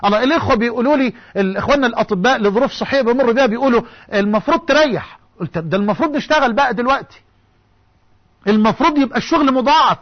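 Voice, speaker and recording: A man's voice: very high-pitched, racing, muffled recording. A man with an Egyptian accent preaching a sermon, impassioned and rhetorical, moving between classical and colloquial speech. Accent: Egyptian Arabic.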